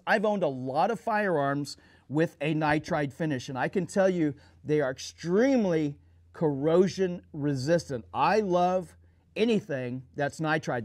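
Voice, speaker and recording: A man's voice: fairly high pitch, dry recording. A middle-aged man presenting a product review to camera as a show host, in an emphatic, instructional manner, addressing viewers directly. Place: small studio set, indoors at a table.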